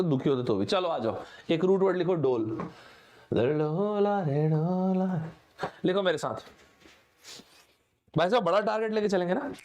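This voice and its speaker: Brief: young male online teacher, slightly higher-pitched voice, joking Hinglish lesson patter that keeps calling the viewers friends. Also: a little mellow, slight background noise. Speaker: online exam-prep teacher. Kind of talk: lively Hinglish vocabulary lesson.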